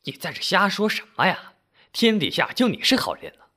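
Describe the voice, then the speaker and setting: A man's voice: mid-range voice, very animated, moderate pace, bright, forceful tone. A man voicing a bossy older neighborhood auntie who chides and scolds in a storytelling recording. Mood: scolding. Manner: chiding, bossy.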